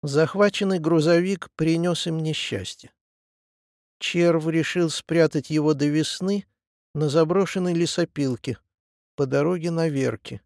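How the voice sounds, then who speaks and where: Narrator, man, raised pitch, gravelly voice, dry close sound, measured storytelling. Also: a little mellow, no room sound. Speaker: audiobook narrator. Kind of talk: scripted narration.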